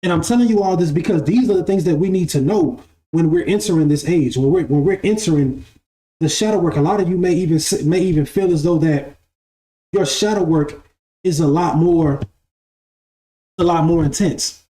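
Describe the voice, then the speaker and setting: A twenty-something live-stream host gives a relaxed spiritual talk at normal speed, his slightly high voice carrying a dark tone. He echoes his own phrases and frequently asks "right?", all in an echoey room backed by faint music.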